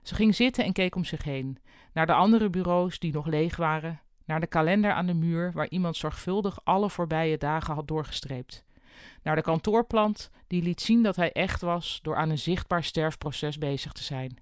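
A narrator reading a storybook in a wry, even audiobook style. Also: medium pitch, normal speed, smooth, no echo, studio quality.

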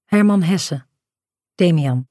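A woman narrates an audiobook in the first person, slow and measured with a hushed tone. Her voice sits somewhat low, and the recording is close and dry with no room echo. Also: animated.

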